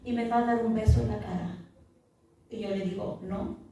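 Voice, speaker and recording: Woman pastor, dark echoey voice. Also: medium pitch, fairly even intonation, a little fast, a little hiss or hum. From Chile. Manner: earnest, vivid storytelling. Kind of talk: testimony in a podcast interview. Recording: echoey room, mic far off.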